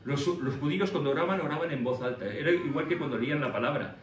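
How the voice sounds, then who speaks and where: A man preaching a lively sermon, telling the story with animated acted-out voices. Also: on the high side, quick pace, recorded from a distance. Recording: echoey room from afar with faint noise.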